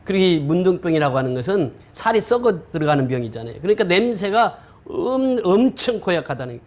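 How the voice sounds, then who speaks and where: A man's voice: high voice, darkish tone. A male pastor preaching a sermon, often quizzing the congregation with questions.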